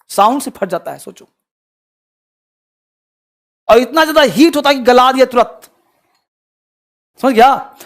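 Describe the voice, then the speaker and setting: Guy teaching a class, keeps asking students if they got it, loud then quiet, very animated. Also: extremely high pitch. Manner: addresses students with frequent quizzing questions; animated, shifting between loud emphasis and quiet asides. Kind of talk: classroom lecture.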